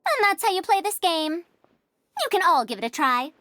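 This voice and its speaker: A woman's voice: extremely high pitch, very animated, moderate pace, pushed and bright, no echo, exaggerated voice. An actress voicing a confident, scholarly young woman researcher in a video game, instructive and precise, with music behind her. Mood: brisk, confident. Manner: instructive, self-assured, precise. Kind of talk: video game character dialogue.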